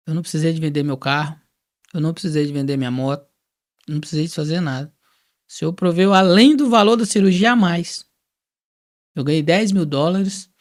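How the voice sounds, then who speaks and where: A man from Brazil telling his personal testimony in a casual, storytelling way, acting out the dialogue he quotes. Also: on the high side. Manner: lively storyteller who acts out quoted dialogue.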